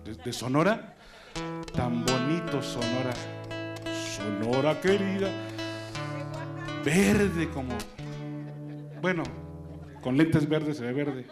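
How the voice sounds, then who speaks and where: A man's voice: medium pitch, expressive, slow pace, long pauses. A man with a Mexican accent doing stand-up comedy, chatting and joking with his audience. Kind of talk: stand-up comedy with crowd banter. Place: stage in front of an audience. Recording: live show with loud crowd and music.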